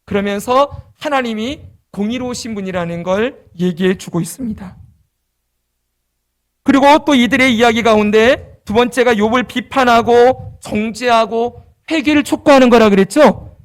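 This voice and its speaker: A man's voice: extremely high pitch, normal speed. A male pastor giving an expository sermon, explaining step by step and checking in with his congregation as he goes. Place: church.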